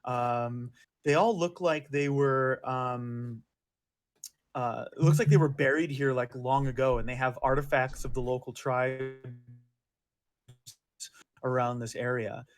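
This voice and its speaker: A man's voice: mid-range voice, steady tone, measured pace. A man running a tabletop game as game master, describing scenes with many fillers and restarts.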